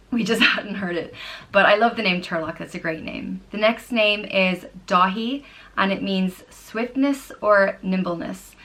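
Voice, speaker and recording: Irish woman vlogger, casual explainer, lowish pitch but bright tone, chatty with lots of ums. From Ireland. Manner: chatty, spells names out letter by letter, frequent ums. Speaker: vlogger teaching name pronunciation.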